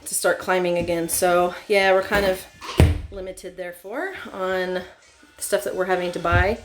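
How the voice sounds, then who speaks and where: Her voice is on the low side and steady, moving at a moderate pace with music behind it. She chats informally while documenting the conversion of a school bus she's doing herself, explaining as she goes amid clear ambient noise.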